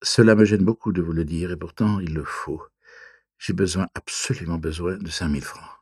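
A trembling young woman under a spell, stammering as she begs for help, as a man reads her part. The voice is husky and dark, and sits close and dry to the mic. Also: deep voice, fairly even intonation, normal speed, no room sound. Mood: embarrassed. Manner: stammering, pleading.

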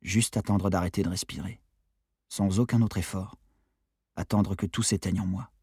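A man narrates a first-person audiobook in an expressive, measured storytelling manner, his voice low-pitched with a breathy edge. It was recorded close in a booth, with no room sound.

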